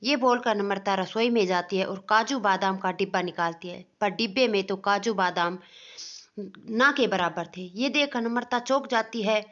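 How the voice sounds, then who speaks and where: A woman narrating a family moral story in a steady, plain storytelling voice. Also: medium pitch, normal speed. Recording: dull lo-fi recording.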